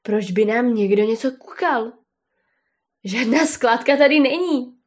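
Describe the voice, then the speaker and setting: A loud, mocking male bear who laughs at everyone's tales, put on by a woman reading a storybook. He sneers and talks down with smug certainty, in a fairly high voice. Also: lively intonation, close to an everyday voice. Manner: booming laughter, scoffing. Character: boisterous scornful male bear, mocking know-it-all.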